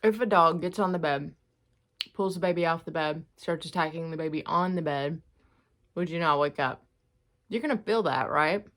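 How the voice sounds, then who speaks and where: A woman's voice: sits low, moderate pace, a bit bright. A middle-aged woman chatting casually to camera in an eating video, chewing noisily as she talks with her mouth often full. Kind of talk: casual mukbang chat to camera, commenting on a news story.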